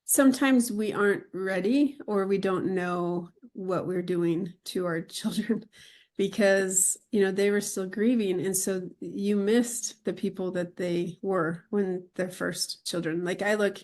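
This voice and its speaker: A woman's voice: mid-range voice, fairly even intonation, unhurried, darkish tone. A middle-aged woman hosting a podcast, talking in a chatty, rambling, conversational way. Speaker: podcast host. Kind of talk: casual conversation.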